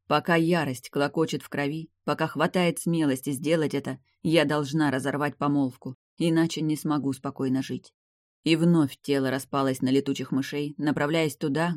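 Woman reading a fantasy audiobook, dramatic and expressive, dry close sound. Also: low voice, moderate pace, dry recording. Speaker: audiobook narrator. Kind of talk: first-person fantasy audiobook narration.

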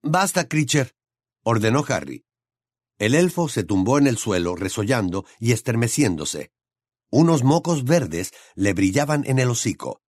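A man reading a novel aloud as an audiobook narrator, dramatic and expressive. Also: medium pitch, normal speed, no room sound, studio quality.

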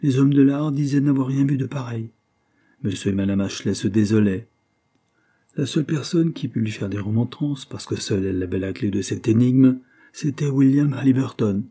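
A man narrating a classic novel as an audiobook in measured storytelling. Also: medium pitch, warm tone, husky. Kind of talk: scripted narration.

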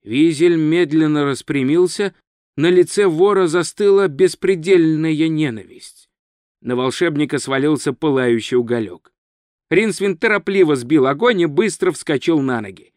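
A man reading a humorous fantasy novel aloud as audiobook narrator, steady and measured. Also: on the high side, no echo, studio quality.

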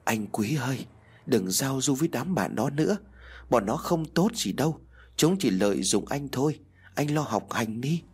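Gentle pleading ghost girl, soft and a bit husky, storybook reading, voiced by a man. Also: mid-range voice, animated, normal speed. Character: gentle young woman ghost pleading softly.

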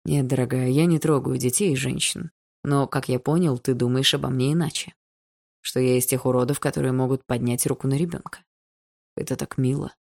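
A woman voicing a cold, menacing stepfather who speaks slowly and with icy calm. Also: rumbling low, creaky, dry recording, studio quality, heavily acted. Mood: insinuating. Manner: slow, icily calm, insinuating. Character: cold, menacing stepfather, middle-aged man. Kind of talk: audiobook character voicing.

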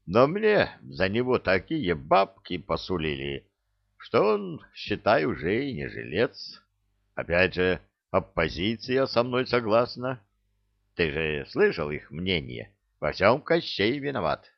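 A man's voice: deep voice, huge pitch swings, takes it slowly, vocal fry, no room sound, dull audio, full character voice. A man voicing a cheeky, glib young adventurer who wheedles, in an audiobook. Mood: evasive. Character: cheeky young male adventurer, smooth-talking chancer.

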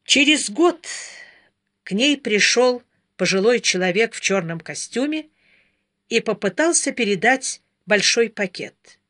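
A woman narrating a novel as an audiobook in a measured, dramatic reading. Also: a little high, lively intonation, a bit bright.

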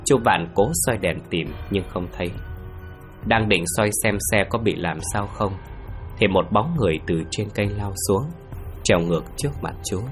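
A man narrating a ghost story in a slow, hushed, suspenseful manner. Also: lowish voice, soft background music.

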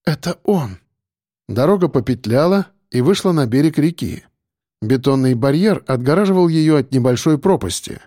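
A man's voice: medium pitch, expressive, normal speed, dark tone, no room sound, clean studio sound. A man narrating an audiobook in a dramatic storytelling manner.

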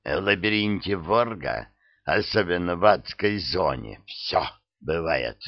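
A man's voice: deep voice, lively intonation, a little slow, gravelly, no room sound, heavily acted. A man voicing a carefree, cocky male labyrinth guide who drawls and teases. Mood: tense. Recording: dull dry studio sound.

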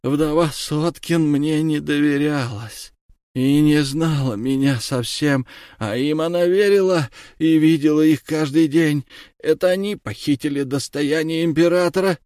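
A furious accused nobleman, voiced by a male reader, loud and pitched up. He shouts his defiance in a storybook reading with a dry close sound. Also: a little slow, no echo, close to an everyday voice. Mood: accusing.

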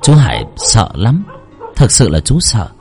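A man's voice: lowish voice, huge pitch swings, measured pace. A man reading a scripted horror story aloud with dramatic expression. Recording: faint background music. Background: soft music.

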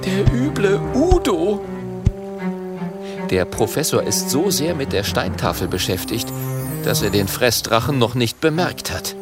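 A man narrating a children's audiobook in a slow, expressive storytelling manner. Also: mid-range voice, over loud music.

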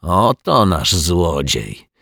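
A man's voice: deep voice, a little slow, no room sound, studio quality. A man voicing a boastful, haughty male zombie in a children's story, drawling and sneering. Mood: scornful. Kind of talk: storybook reading.

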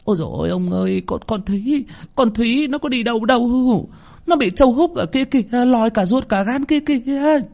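A man's voice: fairly high pitch, big pitch swings, moderate pace, darkish tone, slightly rough, voice pushed up, exaggerated voice. A man voicing a cruel, middle-aged landlord's wife who screeches and scolds her servants. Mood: panicked.

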